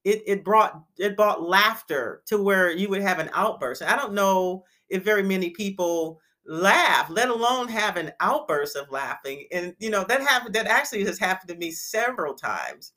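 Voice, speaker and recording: A woman's voice: medium pitch, lively intonation, normal speed, hardly any pauses, fairly bright tone. A woman hosting a casual chat, talking in a chatty way with frequent restarts. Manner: chatty, repeats and restarts words. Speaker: host.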